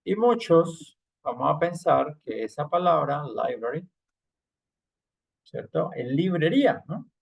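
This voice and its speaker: A man leads an online language class, explaining step by step and checking in with his students through frequent little tag questions. His voice sits a bit high and carries a gravelly edge. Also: sing-song, slow pace. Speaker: English teacher.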